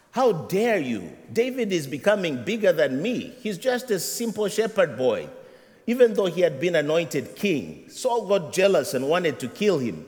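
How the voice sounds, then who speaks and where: A man's voice: a little high, in a large hall. A middle-aged man with a Ugandan accent preaching a sermon as associate rector, with a humorous, conversational delivery. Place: church sanctuary.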